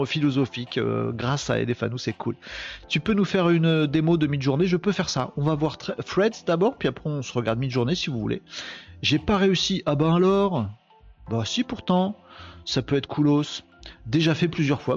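A man's voice: mid-range voice, creaky, a little mellow, highs cut off. A man hosting a live tech-news stream, talking casually and with slang, joking and addressing viewers directly. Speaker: live show host.

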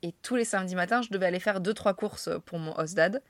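A woman's voice: mid-range voice, fast, no room sound. A young woman from France telling funny anecdotes to camera in a chatty, self-mocking way, with slang and frequent laughs. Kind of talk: casual storytelling to camera.

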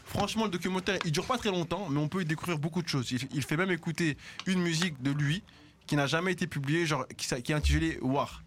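Fast-talking Belgian radio host. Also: male voice, a little high, slight background noise. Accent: Belgian French. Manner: joking, reads news items quickly with fillers. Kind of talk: casual hip hop radio chat. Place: radio studio.

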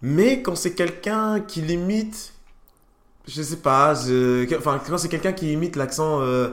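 A man hosting an interview, asking questions in a relaxed, hesitant way with many fillers. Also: on the high side, unhurried. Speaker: podcast host, interviewer. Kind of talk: casual interview chat. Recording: echoey room.

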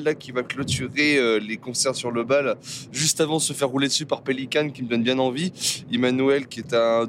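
A man's voice: medium pitch, background noise. Joking French man in a car. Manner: joking, mock-grumpy. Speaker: podcast co-host. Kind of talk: casual chat in a car. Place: inside a car on a highway.

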